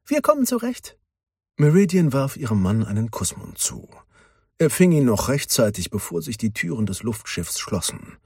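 A man reading a children's story aloud as narrator, in an expressive way. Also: medium pitch, normal speed, creaky, husky, no room sound, studio quality.

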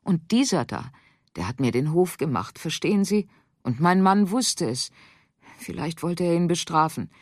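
A reader voicing a frightened farm wife who talks urgently and pleads for help. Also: female voice, fairly low pitch, animated, normal speed, no room sound, studio quality, voice pushed up. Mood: lamenting. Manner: urgent, breathless, lamenting. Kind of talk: audiobook character voice.

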